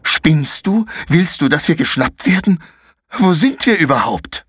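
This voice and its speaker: A man's voice: a little high, big pitch swings, measured pace, a bit bright, husky, no room sound, studio quality, voice pushed up, exaggerated voice. A man voicing a scared, upset young boy in a fantasy audiobook, pleading and defensive.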